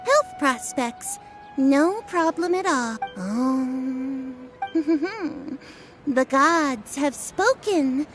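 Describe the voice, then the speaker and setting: A woman's voice: sits high, expressive, very slow, music in the background, heavily acted. A woman voicing a pompous mystic fortune teller in a video game, with a grandiose, mystical delivery. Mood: grandly mystical.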